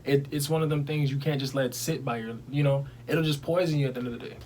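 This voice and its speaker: A man's voice: medium pitch, steady tone, fast talker, a little hiss or hum, low-quality recording. A young man in a casual chat, talking things through earnestly and reflectively. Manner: reflective, earnest, sometimes laughing loudly.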